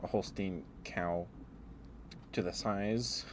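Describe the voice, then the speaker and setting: A man with a very low voice rambles in ASMR fashion, the way a livestreamer might. He muses and thinks aloud haltingly, with faint steady noise in the background.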